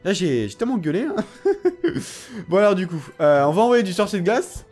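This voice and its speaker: A man's voice: high voice, brisk. A young man giving casual commentary over a mobile game. He teases his opponent as he plays, and his throat is sore and strained. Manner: animated, teasing, talks to his opponent. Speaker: gaming video creator. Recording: faint music underneath.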